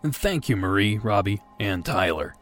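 A man with a fairly low voice hosts a podcast. He speaks in a measured, conversational way from a script, with faint music underneath. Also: very animated, a bit bright. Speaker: podcast host.

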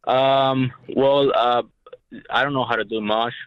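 Young male caller heard over the phone, halting delivery, dry muffled line. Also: medium pitch, fairly even intonation, clean tone, no echo. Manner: hesitant, many pauses and filler sounds. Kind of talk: call-in advice show. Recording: dull lo-fi phone sound.

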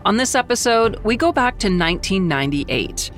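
A woman hosting a history podcast, reading scripted documentary narration in a measured storytelling manner. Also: medium pitch, sing-song, faint music behind.

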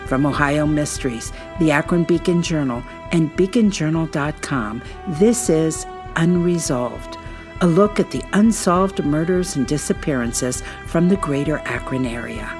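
A woman hosting a podcast, narrating a true-crime script in a suspenseful, measured storytelling manner with dramatic pauses. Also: sits low, expressive, music in the background.

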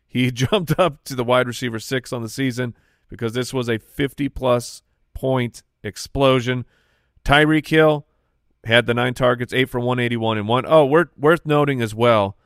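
Guy cohosting a sports podcast, middle pitch, rattles off stats, dead dry sound. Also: dry recording. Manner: lively banter, reeling off stats. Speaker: podcast co-host. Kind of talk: casual sports chat.

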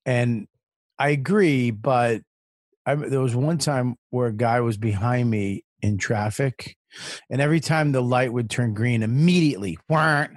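A man guest on a casual podcast, telling stories in an animated way with a lot of swearing and restarts. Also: medium pitch, unhurried, no room sound, clean studio sound. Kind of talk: casual storytelling chat.

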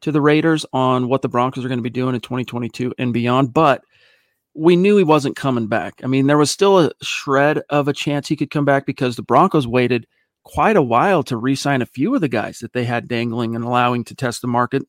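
A man's voice: mid-range voice, fairly quick, dry recording, studio quality. A man hosting a sports podcast, talking casually and energetically with some fillers. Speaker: podcast host.

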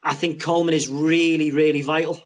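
A man's voice: on the high side, level tone, fairly quick. A man giving casual, emphatic football punditry as a podcast guest, repeating himself for stress. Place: video call over Skype.

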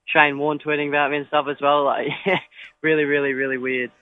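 A man's voice: a little high, flat delivery, a little fast, no room sound. A young man answering interview questions modestly, with many fillers and restarts. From Australia. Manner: hesitant, filler-heavy, modest. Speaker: cricketer. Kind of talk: post-match interview. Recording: tinny phone line.

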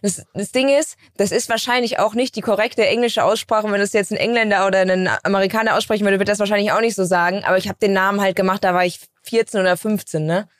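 A woman's voice: medium pitch, fast talker, hardly any pauses, dry recording, clean studio sound. Candid young woman from Bavaria. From Bavaria, Germany. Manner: candid, laughs easily, relaxed storytelling. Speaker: streamer guest. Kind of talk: casual podcast chat.

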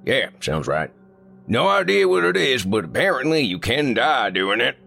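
A man's voice: mid-range voice, sing-song, moderate pace, creaky, sharp tone, slightly rough, soft background music, voice pushed up, heavily acted. A man voicing a folksy male trucker on the CB radio, a joking talker who slips up his grammar. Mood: chatty. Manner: drawling, homespun talk with slipped grammar.

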